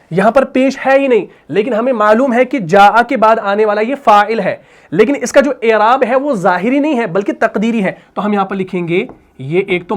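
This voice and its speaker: A male teacher explaining Arabic grammar in Urdu with a Pakistani accent. He asks questions and answers them himself, and at times recites Quran verses slowly. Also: high voice. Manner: repeats questions and answers them himself, adds "bhai" and "theek hai na". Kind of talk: explaining grammar while writing on a board.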